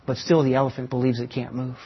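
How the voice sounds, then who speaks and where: A man preaching a sermon, teaching with stories and slowing down for emphasis. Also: medium pitch, completely flat delivery, husky. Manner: teaching with illustrations and slow emphatic pauses. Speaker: pastor. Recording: dull lo-fi sermon recording.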